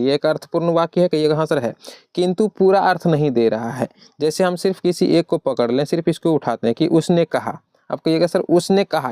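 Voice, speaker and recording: A man's voice: on the high side, darkish tone, no room sound, clean studio sound. A male teacher running an online exam-prep class. He explains step by step, asks the students questions and answers them himself, and keeps calling the listener "brother". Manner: addresses the listener as "brother" over and over.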